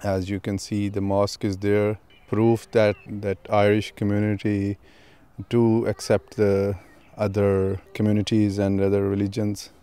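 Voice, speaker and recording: A man from Pakistan speaking in a documentary interview, measured and a little hesitant. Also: on the low side, monotone, dark tone, clean tone. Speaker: member of a faith community.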